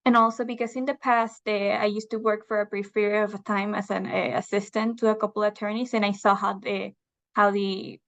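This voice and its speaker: A young woman from Venezuela, a guest in a video interview, answering thoughtfully with hesitant filler pauses. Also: mid-range voice, level tone, a bit bright. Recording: slightly dull lo-fi sound.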